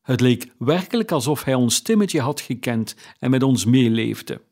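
A man's voice: mid-range voice, animated, moderate pace, darkish tone. A man reading a kindly poor clerk father. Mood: earnest, fatherly.

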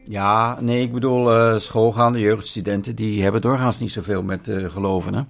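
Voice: medium pitch, steady tone, normal speed, gravelly. A co-presenter asking probing, slightly skeptical questions in a TV report. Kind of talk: TV reportage interview.

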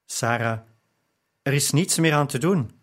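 A man's voice: medium pitch, unhurried, lightly acted. A man doing a weary resigned old father. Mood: weary firm.

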